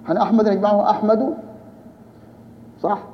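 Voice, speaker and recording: A man with a slightly high voice teaches Arabic grammar at a fairly quick pace, breaking each rule down step by step and constantly asking his students questions. The lo-fi recording sounds dull, with a long hall reverb and faint background noise.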